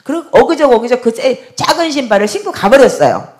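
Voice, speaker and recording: A woman's voice: fairly high pitch, sing-song, fast, a little mellow. A middle-aged woman pastor telling a story from her pulpit, acting out the other people's voices as she goes. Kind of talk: testimony during a prayer service.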